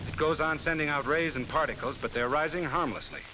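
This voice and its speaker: A man's voice: a little high, a little fast, noisy background, natural voice. A man playing a blunt military instructor in a 1950 civil defense training film, with an American accent and slangy, scripted delivery. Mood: blunt, reassuring. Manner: blunt, slangy, hard-boiled. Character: blunt, wisecracking military instructor drilling servicemen. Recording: vintage 1950 film soundtrack with music.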